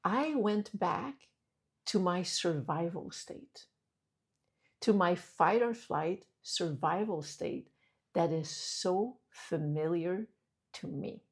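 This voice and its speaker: A woman's voice: fairly low pitch, takes it slowly, breathy edge. A woman hosting a personal talk, telling a story in a candid, rambling way with frequent restarts. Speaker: host. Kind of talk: reflective personal monologue.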